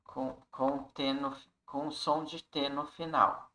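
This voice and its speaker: A man's voice: medium pitch, flat delivery, takes it slowly, bright, forceful tone, echoey room, low-quality recording. A man teaching an English lesson, reading a text aloud and repeating phrases to coach pronunciation.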